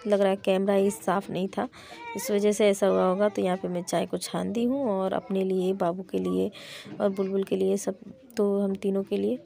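In a small home kitchen, a young mother plainly narrates a casual cooking vlog of her household day, often opening lines with the filler "to". Her mid-range voice is creaky and mellow, delivered flatly at a moderate pace.

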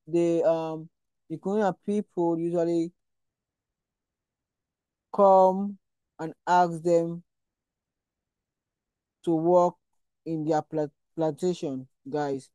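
A woman gives a language lesson at an unhurried pace. Her voice is soft-edged and dark, in a close, dry recording. She speaks deliberately, repeating items for learners. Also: lowish voice, steady tone, clean tone, dry recording, low-quality recording. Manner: deliberate, repeats words and spells them out. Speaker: language teacher and channel host. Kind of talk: slow vocabulary lesson with repetition.

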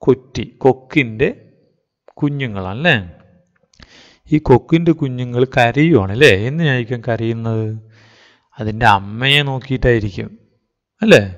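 A man's voice: medium pitch, moderate pace, long pauses. A man with a Kerala Malayalam accent, teaching an online class to young children and coaxing them with questions. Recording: dull lo-fi audio with long reverb.

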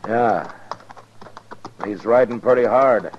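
An American actor playing a steady, determined frontier marshal in a 1950s radio western. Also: male voice, fairly low pitch, takes it slowly. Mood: alert, measured. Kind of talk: 1950s radio drama acting. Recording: muffled, noisy 1950s radio recording.

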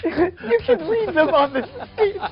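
A woman TV presenter reading a segment, flustered, stumbling and giggly. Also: extremely high pitch. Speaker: TV news presenter. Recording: dull broadcast clip with music.

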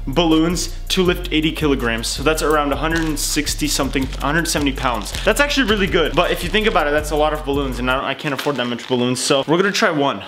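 High-pitched young man vlogging over music. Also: fast talker, few pauses. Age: young adult. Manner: animated, joking, self-deprecating. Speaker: vlog host. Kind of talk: casual vlog chat to camera. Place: living rooms of a house, indoors.

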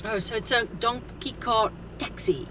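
A woman's voice: on the high side, unhurried, far from the mic, noisy background. A middle-aged South African woman chatting casually and jokingly on a travel vlog inside a car. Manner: jokey. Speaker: travel vlogger. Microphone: action camera held by passenger.

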